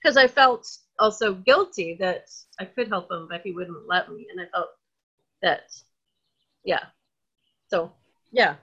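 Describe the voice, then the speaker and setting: A woman's voice: fairly low pitch, a little slow, pauses often, fairly bright tone, husky. Woman on a dull video call line. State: emotionally moved. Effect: heard over a video call. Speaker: workshop participant. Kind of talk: personal sharing in a group call.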